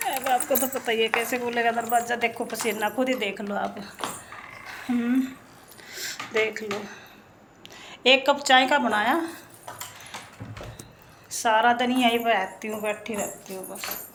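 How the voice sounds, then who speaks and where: A young woman vlogging casually from her hot home kitchen, hoarse and unwell, chatting and complaining straight to her viewers. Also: fairly high pitch, steady tone, measured pace, long pauses. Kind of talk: casual chat to camera. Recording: echoey room, faint noise.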